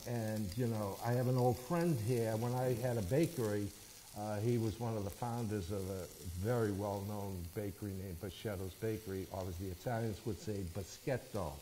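A man's voice: fairly low pitch, normal speed, mellow, a little hiss or hum, poor audio. A middle-aged man, a chef, giving a cooking demonstration in a studio kitchen and explaining each step, often checking in with "okay?" and "all right?". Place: studio kitchen set, indoors.

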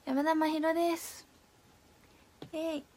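On a live stream, a high-voiced young woman chats with her viewers, playful and giggling easily. She reads their comments aloud and responds in a relaxed, conversational manner.

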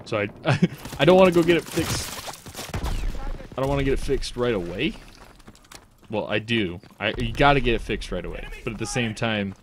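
A man chatting casually while he streams a shooter, his pitch jumping all over as he cracks jokes and yelps at the action. Loud gunfire and explosions from the game keep going under his voice. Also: background noise. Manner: animated, jokey, quick exclamations. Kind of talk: casual gameplay commentary.

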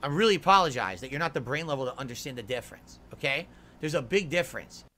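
A man's voice: medium pitch, animated, fast talker, pushed and bright. A man talking on a stream in a condescending, lecturing way, heard in played clips. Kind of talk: casual stream talk.

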